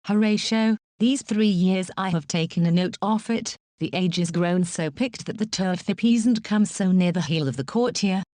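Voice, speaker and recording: Woman reading melancholy young prince for an audiobook; low voice, plain even delivery. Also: normal speed, hardly any pauses, no echo, lightly acted. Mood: brooding.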